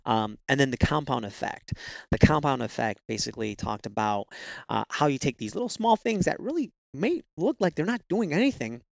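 Gravelly man, halting podcast guest. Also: medium pitch, expressive, no echo. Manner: halting, repeats words and restarts phrases. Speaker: podcast guest, SEO consultant. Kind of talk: casual podcast conversation.

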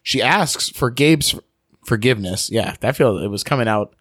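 A man hosting a podcast, briskly summarizing a film plot with jokes in casual chat. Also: mid-range voice, expressive, a bit bright, husky, dry recording, clean studio sound. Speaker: podcast host.

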